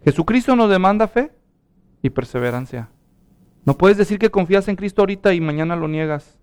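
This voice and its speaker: A man's voice: high voice, lively intonation, fairly quick, darkish tone, clean tone. A man preaching a sermon, earnest and telling a personal story, then leading a prayer. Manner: earnest preaching, acts out quoted dialogue. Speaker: pastor.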